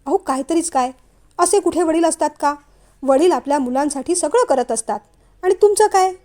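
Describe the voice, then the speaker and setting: A worried, soft-hearted middle-aged mother from an audio storybook, voiced by a woman narrator, coaxing and pleading in a high, lifted voice. Her tone leans insistent. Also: moderate pace, lightly acted.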